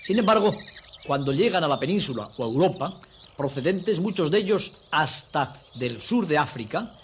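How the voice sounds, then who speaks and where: A man's voice: a little high, animated, normal speed. A man narrates a nature documentary. His delivery is emphatic and didactic, as if teaching friends. The soundtrack is noisy, with birds and crickets behind him.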